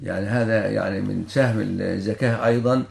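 Gravelly older Egyptian man, formal scholarly Arabic. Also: lowish voice, fairly even intonation, quick pace, darkish tone. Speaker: Islamic law scholar answering questions. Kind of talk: religious ruling with recited citations.

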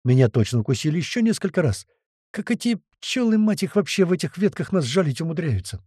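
Lively dark-voiced male audiobook narrator. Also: fairly high pitch, fast, slightly rough, no echo, studio quality. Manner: lively, vivid storytelling. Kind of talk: first-person audiobook narration.

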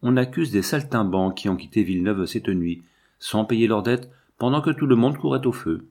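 A man's voice: on the low side, expressive, normal speed, a little mellow. A man reading aloud and voicing a grave, officious country gendarme who questions children. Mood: matter-of-fact. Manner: grave, interrogating.

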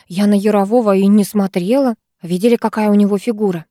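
A woman's voice: mid-range voice, steady tone, a little fast, warm tone, dry recording, close to an everyday voice. A woman voicing a chatty, gossipy teenage girl in an audiobook, raised a little above her narrating voice, in a dry, close recording. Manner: chatty, gushing.

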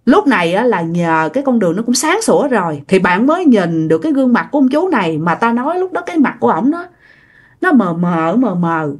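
Animated Southern Vietnamese woman storyteller. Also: medium pitch, fairly quick, slightly rough. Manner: chatty, addresses listeners directly, many fillers. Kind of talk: casual ghost-story narration.

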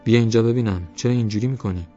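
A man's voice: lowish voice, mellow, voice pushed up, natural voice. A man voicing an old village woman with a shaky voice, fussing and scolding. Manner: scolding, anxious. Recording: dull lo-fi audiobook with faint music.

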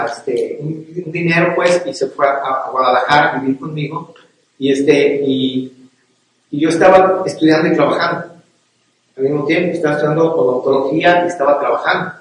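A man's voice: fairly high pitch, moderate pace. A middle-aged man with a Mexican accent preaching a sermon to men, earnest and repeating himself for emphasis, often checking in with "¿sí?". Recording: very echoey hall, speaker far from the mic.

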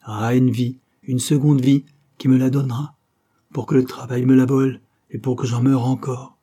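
A man voicing a tormented, self-doubting male novelist in a feverish, rising declamation, his voice dark and husky. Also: fairly low pitch, normal speed.

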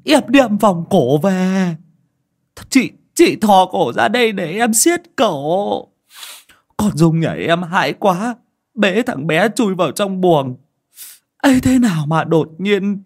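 A man voicing a frantic village mother who sobs and wails in a shrill, stammering voice. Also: animated, slow, exaggerated voice. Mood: sobbing terror.

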